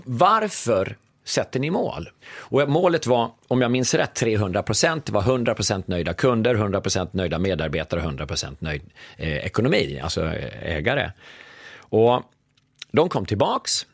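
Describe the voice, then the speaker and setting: A man's voice: fairly low pitch, gravelly, no room sound, clean studio sound. A man in his fifties, a guest and former business consultant, telling a story in conversation and acting out the dialogue. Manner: animated, acts out quoted dialogue.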